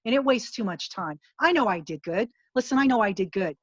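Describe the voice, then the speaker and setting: Speaking at medium pitch, animated and brisk, a woman interview guest talks candidly in an earnest, emphatic, motivational way. The sound is dull, lo-fi, and dry.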